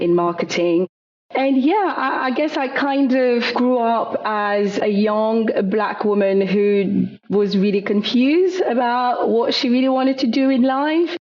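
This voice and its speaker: A woman's voice: mid-range voice, a little mellow, muffled recording. A woman in her thirties from France with a French accent, a guest telling her story in a thoughtful way, with frequent fillers and repeated words. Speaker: guest, skincare founder. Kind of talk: conversational interview.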